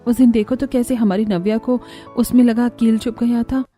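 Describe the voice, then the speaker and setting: A woman voicing a caring, worried young mother in a cartoon, with a soft, pleading manner. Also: a little high, fairly even intonation, normal speed, soft background music, lightly acted. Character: poor caring young mother, anxious wife. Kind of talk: cartoon voice acting.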